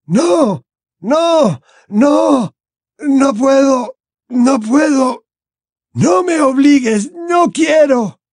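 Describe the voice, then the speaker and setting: A male audiobook reader voicing an elderly wizard headmaster with slow, high, drawn-out pleas. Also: big pitch swings, warm tone, husky, no room sound, studio quality, heavily acted. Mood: terrified, begging. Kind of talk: audiobook character voice.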